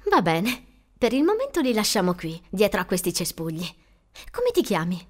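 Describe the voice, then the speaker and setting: A woman reading an audiobook, voicing a kind young woman who gently calms a scared child. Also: medium pitch, moderate pace, pitched below the performer's own voice. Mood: soothing. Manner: soothing, gently coaxing. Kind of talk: audiobook character voice.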